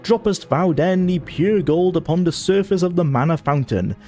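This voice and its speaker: A man's voice: fairly high pitch, lively intonation, normal speed, warm tone, soft background music, voice pushed up, lightly acted. A man reading archaic game text in the voice of a pompous old male scholar, grandiose and stumbling over words.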